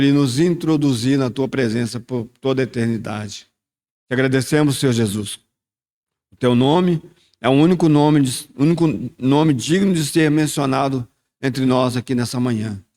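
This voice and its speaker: A slightly mellow, medium-pitched male voice belongs to a church leader at communion. He speaks a brief sermon, then moves into spoken prayer, calling "Senhor" many times in a reflective manner.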